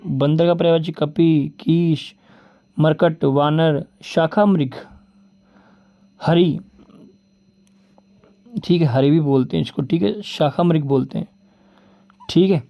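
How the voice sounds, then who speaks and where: A man's voice: a little high, fairly even intonation, dull audio. A man teaching an exam-prep vocabulary lesson, reeling off word lists and often repeating "ठीक है". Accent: Rajasthani Hindi. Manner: lists words rapidly, repeating "ठीक है" and "बोलते हैं"; addresses viewers as "दोस्तों" and "भाई".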